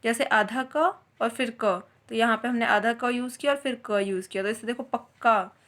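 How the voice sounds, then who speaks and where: A woman's voice: a little high, moderate pace, a bit bright. Patient Hindi grammar teacher, woman. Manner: explains step by step, asks and answers her own questions.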